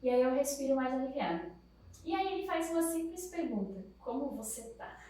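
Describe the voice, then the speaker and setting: A woman's voice: sits high, very animated, a little fast, mellow. A Brazilian mother telling how her family lived through a hard time, in an emotional, pleading way. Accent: Brazilian Portuguese. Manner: tearful, pleading retelling. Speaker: guest, mother. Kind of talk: emotional testimony. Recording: echoey room, mic at a distance.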